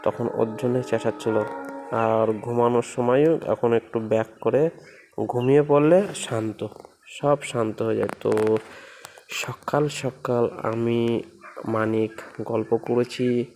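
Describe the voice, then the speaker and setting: Man, home phone vlog, gentle repetitive commentary, warm low tone, some vocal fry, faint background hiss. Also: little pitch movement, slow, long pauses. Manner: gentle, repetitive running commentary, coos to the baby. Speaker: vlogger filming his baby. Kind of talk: casual vlog narration. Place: home room with the baby. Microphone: phone camera.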